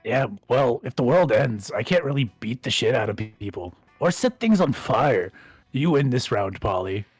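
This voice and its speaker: A man's voice: mid-range voice, expressive, moderate pace, slightly rough, no room sound, soft background music. A man doing a sulky demon bad boy. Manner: defensive, sarcastic grumbling. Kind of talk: voice acting a dating game on stream.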